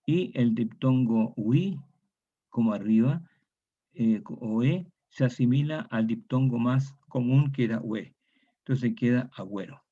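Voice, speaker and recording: A little slow and dark-toned, a man with a mid-range voice lectures online about historical grammar. He repeats each key word and tends to attach a question to his statements; the audio is dull lo-fi.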